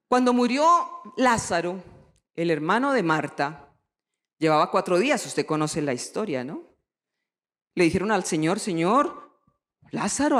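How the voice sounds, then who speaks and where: High-voiced woman pastor preaching in a hall. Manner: lively preaching that acts out quoted voices and asks the listeners questions. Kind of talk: sermon.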